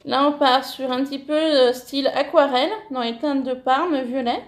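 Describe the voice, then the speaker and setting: A woman's voice: sits high, steady tone, moderate pace, roomy sound. A woman chatting casually through a haul video of craft papers, enthusiastic and full of fillers, correcting herself as she goes. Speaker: scrapbooking vlogger.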